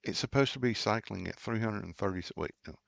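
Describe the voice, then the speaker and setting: A man's voice: on the low side, fast, gravelly, a bit bright, dry recording. A middle-aged man hosting a farming game video, rambling and ranting in casual commentary with lots of fillers and restarts. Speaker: gaming channel host.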